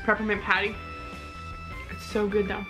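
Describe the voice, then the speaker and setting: A woman's voice: mid-range voice, monotone, normal speed, over music, rough recording. A woman co-hosting a casual candy tasting video, talking eagerly while chewing. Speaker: co-host of a candy tasting channel. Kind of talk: casual chat.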